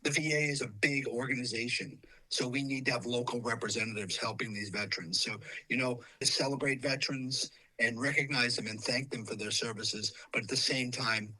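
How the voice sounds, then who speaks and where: A man who is a county commissioner speaking earnestly in a radio interview, his voice hoarse from cheering, with frequent fillers and restarts. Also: medium pitch, steady tone, fairly quick, sharp tone, low-quality recording.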